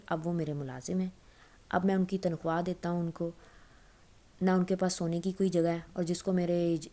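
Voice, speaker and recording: A young woman recounts a novel's plot in a relaxed, conversational way, stopping now and then to fix a slipped word. Her voice sits on the low side for a woman and has a soft, mellow tone. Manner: chatty, loose retelling with frequent self-corrections. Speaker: novel recap storyteller. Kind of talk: casual spoken retelling of a novel.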